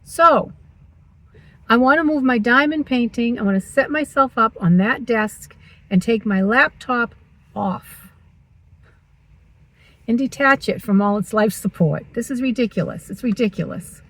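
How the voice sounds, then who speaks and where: A woman's voice: fairly high pitch, measured pace, long pauses, a bit bright, low-quality recording. Chatty self-mocking woman in her sixties. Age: 60s. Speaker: vlogger. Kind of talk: casual chatty vlog. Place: parked car.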